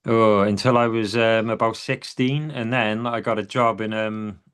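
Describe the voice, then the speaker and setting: A Welsh man speaks as a guest on a podcast, his voice pitched low. He answers in a laid-back, easygoing way, often dropping in a casual "yeah, man". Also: flat delivery, moderate pace, fairly bright tone, smooth. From South Wales.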